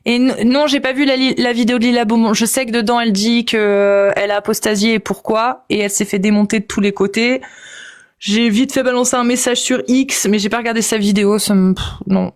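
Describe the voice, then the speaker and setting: Woman, live stream host, casual chat, somewhat high voice, hesitant. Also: steady tone, fairly quick.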